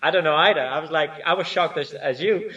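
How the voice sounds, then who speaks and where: Speaking English as an interview guest, this line dance instructor from Spain grew up with Spanish and Dutch. He sounds high-ish, brisk and sharp-toned, yet hesitant, often using fillers and starting over. The conversation is casual, and the distant mic makes it muffled.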